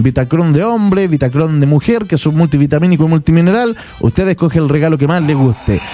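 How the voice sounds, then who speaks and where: A man with a Chilean accent hosting a radio infomercial, addressing listeners as dear friends in a repetitive, persuasive sales pitch. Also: mellow. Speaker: radio host selling a product. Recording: music bed behind the voice.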